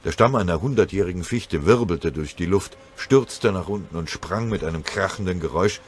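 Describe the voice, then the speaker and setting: A man narrating a war audiobook in a steady, dramatic reading. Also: sits low, moderate pace, breathy edge. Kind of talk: scripted narration.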